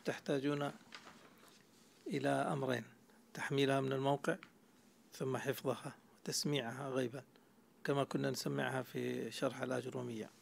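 A man gives a classroom grammar lecture in a heavily gravelly, creaky voice. He walks through each point step by step and keeps asking his students questions as he goes. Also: medium pitch, steady tone, a little fast, long pauses. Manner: explains step by step, quizzing students. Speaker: Arabic grammar teacher.

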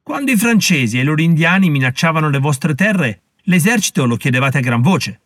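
A man's voice: a little high, sing-song, a little fast, fairly bright tone, dry recording, studio quality, pitched above the performer's own voice. A man voicing a stern, haughty colonial official who lectures and threatens with scorn in an audiobook reading. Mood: furious.

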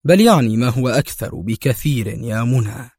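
A man's voice: medium pitch, animated, moderate pace, a little mellow, no echo, studio quality. A man voicing a determined male secret agent who speaks firmly and resolutely. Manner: firm, resolute.

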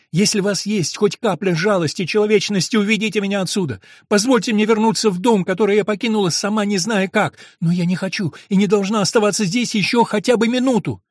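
A man's voice: fairly high pitch, lively intonation, brisk, slightly rough, no room sound, studio quality. A man reading a novel aloud, voicing a frightened, innocent young woman who begs to be let go. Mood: indignant. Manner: pleading, rising to alarm.

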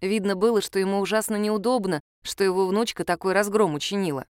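A woman narrating a first-person story in an expressive, storytelling manner. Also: mid-range voice, brisk, clean tone, dry recording, studio quality. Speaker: audiobook narrator.

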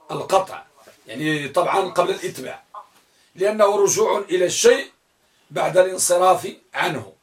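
A male teacher gives a grammar lesson to a room of students. His voice sits fairly high, and he fires questions at the class before spelling out the answers. He repeats key words slowly so they can be written down.

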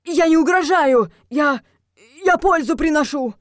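A woman reading an audiobook, voicing an indignant, pompous male ghost, the heroine's father-in-law, who turns shrill when cornered. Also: big pitch swings, normal speed, warm tone, no echo, clean studio sound, close to an everyday voice.

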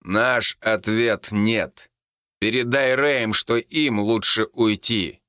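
A man voicing a steady male forester who speaks calmly and tersely. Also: lowish voice, slow, clean tone, dry recording, clean studio sound. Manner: calm, terse.

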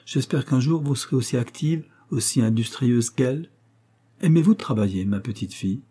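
A man voicing a prim, stern old spinster aunt who questions a child in a measured, schoolmistress tone. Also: mid-range voice, dark tone, husky, lightly acted. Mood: stern, probing.

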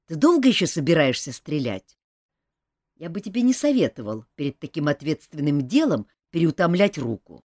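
A woman's voice: low-pitched, sing-song, normal speed, a little mellow, no echo, clean studio sound. Woman voicing a touchy, blustering paladin. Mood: brisk. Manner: indignant, blustering. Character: hot-tempered male paladin, touchy and bluff. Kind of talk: audiobook reading.

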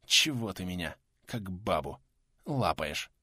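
A man voicing an exhausted, feverish old male retiree who is hoarse, short of breath and answers in curt outbursts. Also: medium pitch, big pitch swings, unhurried, fairly bright tone, no room sound, clean studio sound, exaggerated voice.

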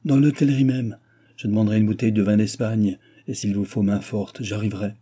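Sardonic scheming viscount, read by a man, dark voice, husky edge. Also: lowish voice, fairly even intonation, brisk. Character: crafty vengeful viscount brother.

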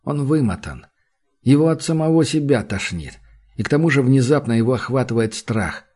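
A man reading a literary novel aloud in a measured, intense manner. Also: mid-range voice, animated, warm tone, breathy edge. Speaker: audiobook narrator. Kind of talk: scripted literary narration.

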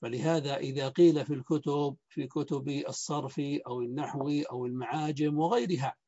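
A man teaching Arabic morphology in a lecture, speaking slowly and deliberately and repeating word patterns. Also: mid-range voice, steady tone, dark tone, husky, lo-fi sound. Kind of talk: lecture explaining a grammar book.

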